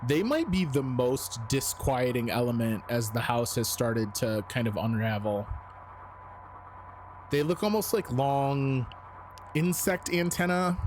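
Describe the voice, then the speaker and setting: A man's voice: mid-range voice, expressive, slow pace, a little hiss or hum. A man giving casual, uneasy, sweary commentary as he streams a scary video game. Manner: sweary, informal.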